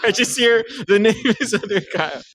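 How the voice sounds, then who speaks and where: A man's voice: high voice, animated, a little fast, background noise. A man co-hosting a casual live panel, chatty and playful and easily sidetracked. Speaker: co-host.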